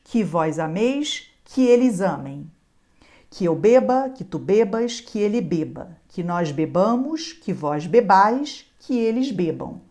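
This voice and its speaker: A woman teaching a grammar lesson, chanting conjugations in slow drills and speaking straight to the viewer. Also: a little high. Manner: addresses the viewer directly, repeating key points. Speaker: Portuguese teacher.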